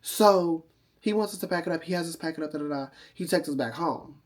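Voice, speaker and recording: A man's voice: fairly high pitch, fairly quick. A tipsy man telling a casual, profane story to camera, sassy and rambling, often losing his thread. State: drunk, tipsy.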